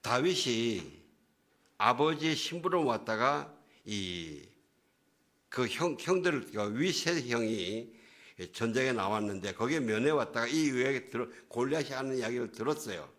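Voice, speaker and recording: A man's voice: medium pitch, animated, unhurried, a bit bright. A male pastor giving a sermon, retelling a story vividly in casual, slangy speech. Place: church.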